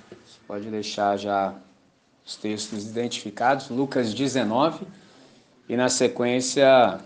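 Chatty Brazilian pastor preaching. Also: male voice, mid-range voice. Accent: Brazilian Portuguese. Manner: conversational, keeps asking "entendeu?"; slangy and animated. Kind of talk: sermon. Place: church service.

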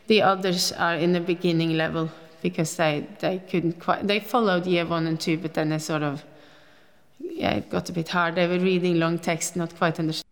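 Speaking in a rather low voice, a Norwegian woman in her fifties chats freely during a casual interview. Her accent marks her as from Norway, and she rambles through her recollections with restarts and bursts of laughter.

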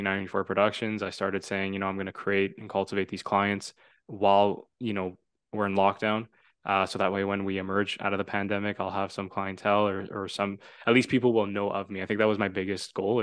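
A man's voice: lowish voice, a bit bright, clean tone, dry recording, studio quality. A man in his twenties from Toronto, hosting a casual podcast conversation in an earnest, reflective, rambling way. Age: 20s. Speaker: podcast host.

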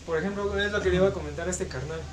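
Fast-talking, crude Mexican man. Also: sits high, far from the mic, a little hiss or hum. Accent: Mexican Spanish. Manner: fast, crude, hot-tempered banter. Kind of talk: casual chat.

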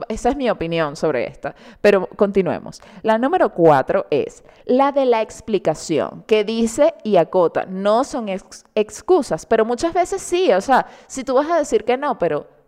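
A woman's voice: medium pitch, big pitch swings, moderate pace, few pauses, darkish tone, long reverb tail. A woman hosting a casual solo podcast, chatty and playful, slipping English words into her talk. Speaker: podcast host.

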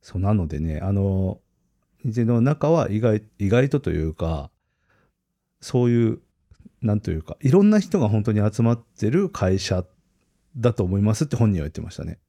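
Lively low-voiced man chatting on a podcast. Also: moderate pace, no echo, clean studio sound. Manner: lively, laughs often, animated retelling. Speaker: podcast co-host. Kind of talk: casual tech podcast chat.

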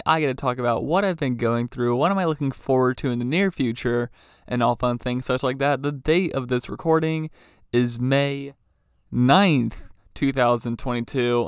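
A man's voice: mid-range voice, clear, resonant tone, no room sound, clean studio sound. A young man talking casually as a solo podcast host, rambling informally, recorded in a closet. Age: young adult. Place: small clothes closet, indoors.

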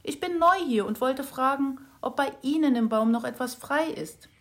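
A woman's voice: high voice, moderate pace, fairly bright tone, pitched above the performer's own voice. A woman voicing a thin, polite male squirrel with three legs who speaks cheerfully in a storybook.

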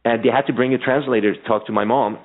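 A man's voice: mid-range voice, fairly even intonation, fast. A man from Iran telling his life story as an interview guest, rambling with many fillers and restarts. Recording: tinny phone-line radio sound.

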